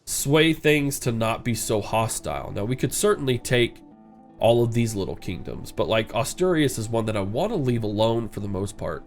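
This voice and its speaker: A congested man with a stuffed-up nose rambles through casual let's-play commentary on a strategy game, thinking aloud with frequent "uh" fillers. His voice sits on the low side with big pitch swings at a moderate pace. Soft music plays in the background.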